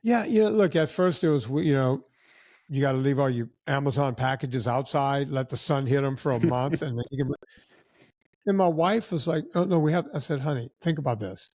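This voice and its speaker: A man guest on a podcast, telling casual stories in an animated way and acting out what other people said. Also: mid-range voice, moderate pace, dry recording, studio quality. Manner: animated anecdotes with acted-out quotes of other people. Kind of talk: casual storytelling.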